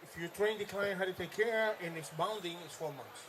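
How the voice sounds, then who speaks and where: A man's voice: sits high, brisk, a crowd in the background, poor audio. A man with a Spanish accent, a hair replacement stylist, explaining his work in an emphatic, instructive way and sometimes switching into Spanish. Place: busy trade-show floor.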